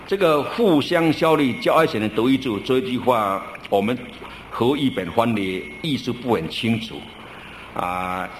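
A middle-aged man preaches in a church hall, telling stories in a loose, chatty way and stretching his sentence endings. His voice sits at an ordinary pitch. The room rings around him, with a faint hum of ambience behind. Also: animated. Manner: conversational storytelling preaching with drawn-out particles. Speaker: pastor. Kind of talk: sermon.

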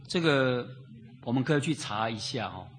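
A man preaching an expository Bible sermon in a conversational way, repeating phrases, asking rhetorical questions and filling pauses with drawn-out interjections. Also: mid-range voice, animated, a bit bright, a little hiss or hum.

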